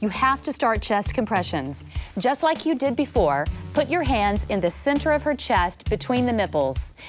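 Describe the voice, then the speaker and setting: Woman, CPR instructor, scripted narration, calm step-by-step coaching, slightly high voice. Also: moderate pace, faint music behind.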